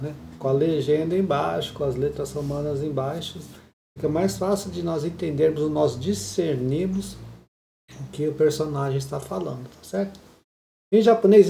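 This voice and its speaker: A man's voice: on the high side, gravelly, mellow, echoey room, slight background noise. A man explaining a Japanese listening lesson patiently, often checking in with his listeners. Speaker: Japanese teacher.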